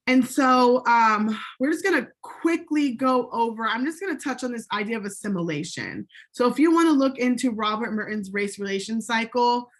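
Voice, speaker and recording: A woman teaching a recorded college sociology lecture in a conversational way, often checking in with "right?" and filling pauses with "um". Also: on the high side, animated. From United States. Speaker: sociology instructor.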